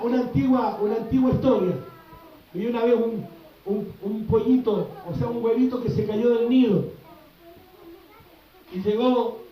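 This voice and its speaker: A man's voice: extremely high pitch, dull audio. A man preaching a sermon as pastor, fervent and questioning his congregation. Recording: echoey hall, voice from far off.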